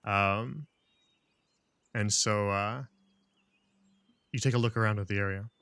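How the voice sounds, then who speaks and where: A man acting as game master, narrating a tabletop fantasy game in a halting, casual, improvised way. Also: fairly low pitch, fairly even intonation, a bit bright, smooth, dry recording.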